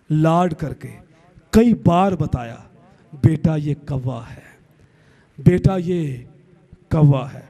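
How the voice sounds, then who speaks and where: A man voicing an old mother who speaks to her grown son in a soft, tender, patient way. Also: on the high side. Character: old mother, gentle and loving.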